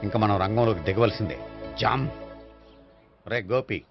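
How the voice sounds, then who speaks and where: A man's voice: on the low side, moderate pace, highs cut off, over music, natural voice. An actor playing an older grandfather who jokingly plays matchmaker for his grandson. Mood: advising. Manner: jokey, advising. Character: playful old grandfather, meddling matchmaker.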